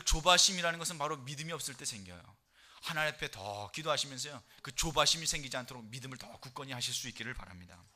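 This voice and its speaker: A middle-aged male pastor preaching a sermon, animated and emphatic, reading scripture loudly and dropping low for key points. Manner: animated preaching, quick and emphatic, rising loud for scripture quotes; drops to low soft tones for key points.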